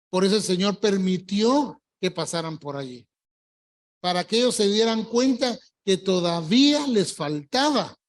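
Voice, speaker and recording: Older man preaching emphatically. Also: sits high. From Colombia. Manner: emphatic preaching, stretching key words slowly. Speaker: pastor. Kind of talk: evangelical sermon. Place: church service.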